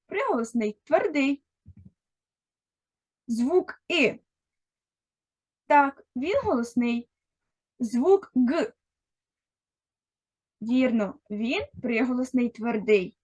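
A woman's voice: sits high, a little mellow, breathy edge. A woman teaching a first-grade literacy lesson, speaking patiently and directly to a young child. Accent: Ukrainian. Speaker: primary school teacher.

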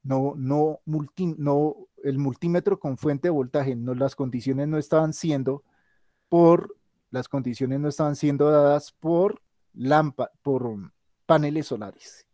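A man's voice: fairly high pitch, unhurried, warm tone, no room sound, studio quality. A tired male teacher giving an online class, thinking aloud and correcting himself as he works through the board. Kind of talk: online class with a shared whiteboard.

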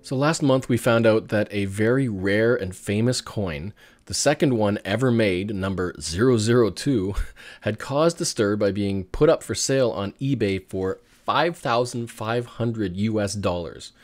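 A man hosting a hobby podcast, chatting in a relaxed, rambling way with filler words and small chuckles. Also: on the low side, a little slow, no room sound. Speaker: podcast host. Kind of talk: casual podcast chat.

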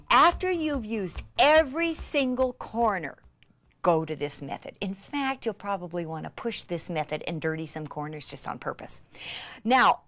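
A craft instructor with a mid-range voice gives a hands-on demonstration, gushing with excitement. She lets out breathy gasps and sometimes drops to near-whispers.

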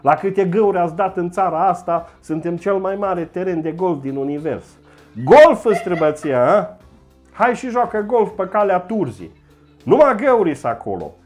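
A man doing a mocking satirical comedy monologue, jumping into high mock voices. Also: expressive, darkish tone, soft background music.

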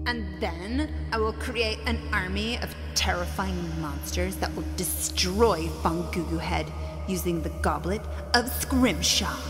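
Woman playing a grandiose booming villainess. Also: big-room sound, natural voice. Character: grandiose female dark lord, devourer of worlds. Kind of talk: children's audio drama.

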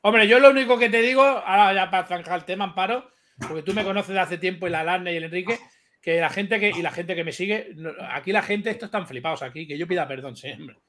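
A man's voice: high voice, fast, fairly bright tone, a little hiss or hum. A man on a live chat show, teasing and boisterous, swearing freely in heated banter.

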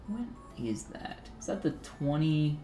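A man's voice: on the high side, big pitch swings, slow pace, warm tone, soft background music. A man in his thirties, talking casually and joking while he teaches 3D sculpting on a live stream, reading chat messages aloud between steps.

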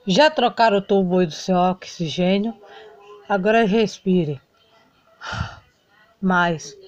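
A woman voicing a calm male doctor in a doll soap-opera parody, speaking slowly in a lowered voice. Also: dry recording, dull audio, soft background music, natural voice. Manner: slow, lowered voice. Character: calm male family doctor, mildly joking.

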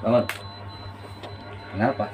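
A man's voice: slow, muffled recording. A man, a spiritual practitioner, giving short, repeated coaxing commands during a live demonstration. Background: background music.

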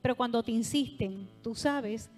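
A woman preaching a sermon with a Puerto Rican accent, fervent, moving between loud calls and soft asides. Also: a little high, a little slow. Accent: Puerto Rican Spanish. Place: large hall at a church convention. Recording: long hall reverb with faint music.

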